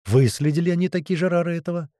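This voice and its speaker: A man voicing a seasoned fighter in an audiobook, speaking calmly and matter-of-factly. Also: on the high side, rapid-fire, no echo, clean studio sound, voice pushed up, close to an everyday voice. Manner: calm, matter-of-fact. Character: calm seasoned male fighter.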